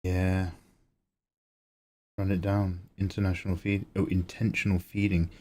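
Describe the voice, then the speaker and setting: A man with a deep, relaxed voice hosts a casual livestream. His tone is dark and mellow. He rambles along conversationally, thinking aloud as he talks to his viewers. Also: measured pace. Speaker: streamer and digital artist.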